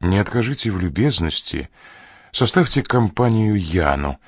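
Male narrator voicing a courteous, cold schemer, storybook reading, calm delivery. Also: fairly low pitch, normal speed, dry recording, clean studio sound. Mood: polite. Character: composed, politely menacing man.

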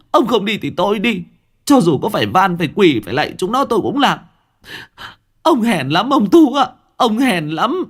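A desperate mother cries out in a high, piercing voice, as a man reading the story puts her on. She pleads and wails, her pitch leaping wildly. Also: husky, heavily acted. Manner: high wailing, pleading, near tears. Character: frantic middle-aged mother, shrill and desperate.

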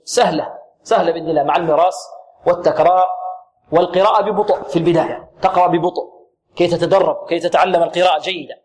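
A man teaching Quran recitation rules. He asks questions and answers them himself, and he recites words slowly to demonstrate them. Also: high voice. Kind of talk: tajweed lesson with demonstrations.

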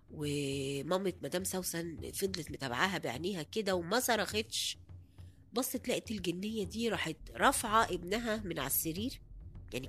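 A woman's voice: mid-range voice, a bit bright. A woman with an Egyptian Arabic accent telling a horror story in a casual, conversational way, with many hesitant fillers and restarts.

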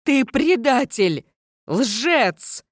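A reader voicing a desperate, betrayed young woman who shouts in a shrill voice in an audiobook. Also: big pitch swings, extremely slow, dry recording, studio quality, exaggerated voice. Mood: accusing.

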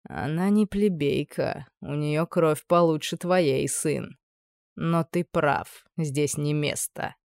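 A menacing older high judge, as a reader puts him on, drawling each threat slowly and in a lowered voice. He sounds cruel and amused, like a villain in a spoken storybook. The recording is dry and close. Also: gravelly, clear, resonant tone, dry recording. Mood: cold. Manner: slow, purring, low threats.

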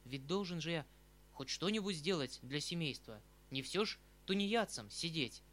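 In an audiobook reading of a classic novel, a man with a fairly high, bright voice plays a tender, fretful aging uncle, a retired colonel, speaking in an emotional, rambling, pleading, resigned way. His delivery is animated at a moderate pace, with faint background music and a little hiss or hum.

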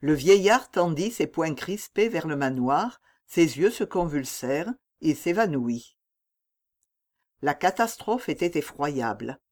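A man narrating a classic novel as an audiobook, with a measured, dramatic reading. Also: on the high side, lively intonation, a little mellow.

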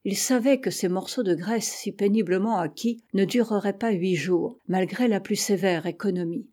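A woman reading a novel aloud as an audiobook, with steady, measured narration. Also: mid-range voice. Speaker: audiobook reader.

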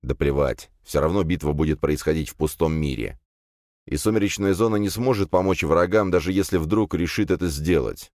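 Deep-voiced man narrating a fantasy audiobook. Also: fairly quick, dry recording, studio quality. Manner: expressive storytelling.

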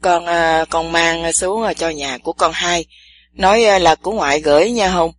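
Woman putting on an old grandmother, halting, loud, low-pitched. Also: natural voice. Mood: kindly. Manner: halting, with drawn-out fillers. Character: hesitant elderly grandmother.

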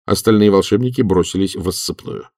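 A man narrating an audiobook in an expressive, wry manner. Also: sits low, a little fast, dry recording, clean studio sound.

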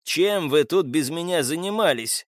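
A man reading an audiobook and voicing a domineering, menacing male killer who talks in a sharp, lecturing, metallic tone. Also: fairly high pitch, animated, a little slow, dry recording, clean studio sound, voice pushed up.

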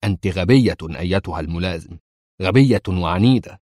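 A man's voice: on the low side, fast talker, no room sound, clean studio sound, close to an everyday voice. A man voicing a stern male commando officer who speaks coldly and sharply to his subordinate in an audiobook. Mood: angry.

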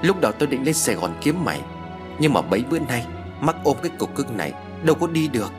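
A man's voice: mid-range voice, lively intonation, normal speed, music in the background, lightly acted. A man voicing a bossy, scolding old mother-in-law in a spoken horror story. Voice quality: sharp, scolding.

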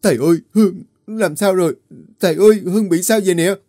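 Young male villager, jumpy, raised quick voice, played by a man narrator. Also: medium pitch, expressive, warm tone, soft background music, voice pushed up, close to an everyday voice. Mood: panicked. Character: jittery young village man, eager and easily panicked.

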